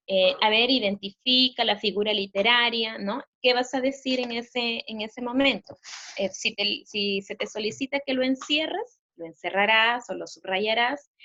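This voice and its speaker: A woman's voice: a little high, sharp tone, lo-fi sound. A woman teacher giving a recorded literature lesson, explaining patiently and checking in with her students through rhetorical questions.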